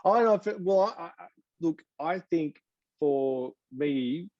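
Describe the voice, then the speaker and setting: A man's voice: on the high side, animated, unhurried, darkish tone, dry recording. A man, a film producer, speaking on a panel, enthusiastic and openly emotional. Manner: enthusiastic, emotional, repeats words. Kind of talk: panel discussion over video call. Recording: dry, muffled sound.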